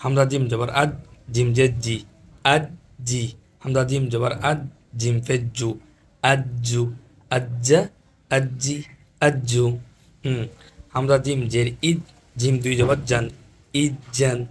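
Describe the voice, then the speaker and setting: A man's voice: mid-range voice, level tone, slow pace, long pauses, slight background noise. Patient male Quran teacher drilling syllables. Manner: patient and repetitive, chanting syllables in a sing-song drill. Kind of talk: spelled-out drill of Arabic letter sounds.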